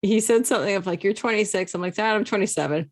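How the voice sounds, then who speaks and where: A woman in her twenties from Ontario in casual chat, telling little stories with lively energy and laughing at herself. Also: medium pitch, very fast, background noise. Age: 20s. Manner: animated storyteller, laughs at herself.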